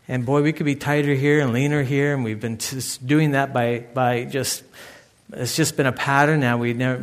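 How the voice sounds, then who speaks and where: A middle-aged man, a pastor, preaching a sermon with lively storytelling. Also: mid-range voice. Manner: animated storytelling, acting out others loudly.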